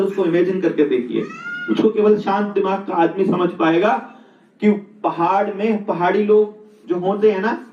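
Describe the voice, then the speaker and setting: A middle-aged man with a fairly high voice gives a reflective talk. He tells stories and often poses rhetorical questions. He sounds distant in a roomy space, and the audio is somewhat dull. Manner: storytelling, asks rhetorical questions. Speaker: speaker on natural living.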